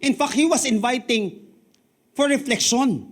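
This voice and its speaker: A man with a Filipino accent preaching a sermon as pastor, moving between Tagalog and English and swinging from loud emphatic peaks down to quiet, low drops. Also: unhurried.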